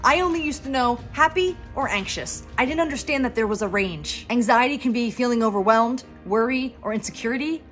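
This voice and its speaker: A woman's voice: a little high, fairly quick, few pauses, fairly bright tone, soft background music. Upbeat Philadelphia woman in her thirties. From Pennsylvania, USA. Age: 30s. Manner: upbeat, encouraging, self-deprecating asides. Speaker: professional organizer. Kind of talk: instructional talk to camera.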